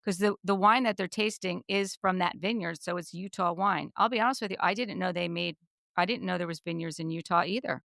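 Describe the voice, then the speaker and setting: A woman's voice: fairly low pitch, fairly quick, creaky, a bit bright, dry recording, studio quality. A woman hosting a podcast, chatting casually and retelling reality TV scenes. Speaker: podcast host. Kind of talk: casual recap chat.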